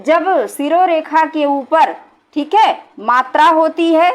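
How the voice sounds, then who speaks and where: A middle-aged woman teaching Hindi grammar in a classroom style, repeating points and often checking that students follow. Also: sits high. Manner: repetitive, checks understanding with "है ना".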